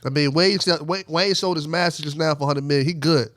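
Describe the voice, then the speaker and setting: A man's voice: on the high side, brisk, fairly bright tone, no echo, clean studio sound. A man co-hosting a podcast, weighing his words with fillers before pressing his point. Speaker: podcast co-host. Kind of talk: casual debate.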